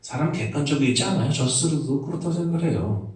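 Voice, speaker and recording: A man preaching a sermon as pastor in a church, in a conversational manner with lively rises and drops. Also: on the high side, quick pace. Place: church sanctuary. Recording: echoey church hall, distant mic.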